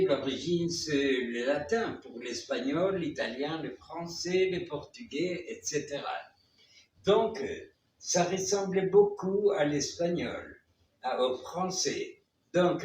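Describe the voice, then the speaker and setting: A man teaches a beginner lesson at a very slow, careful pace, repeating each word clearly. His voice sits fairly high and moves with lively intonation. The recording is very echoey and a bit distant from the mic, with faint noise behind him. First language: Spanish. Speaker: Spanish teacher. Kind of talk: language lesson.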